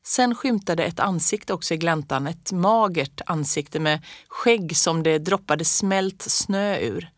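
Calm woman reading a storybook. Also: lowish voice, hardly any pauses, no room sound, studio quality. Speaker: audiobook reader. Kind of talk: scripted storybook narration.

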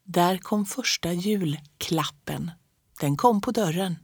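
A woman reading a playful aunt who speaks in a soft, secretive way. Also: fairly low pitch, slightly rough, no echo, clean studio sound. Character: warm young aunt, playful and hushing.

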